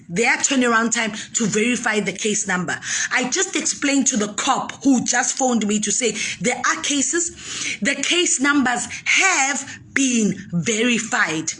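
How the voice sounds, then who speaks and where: High-voiced woman, insistent. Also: fairly bright tone, slight background noise. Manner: emphatic and insistent, repeating key points. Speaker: foundation spokesperson. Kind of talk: direct-to-camera statement.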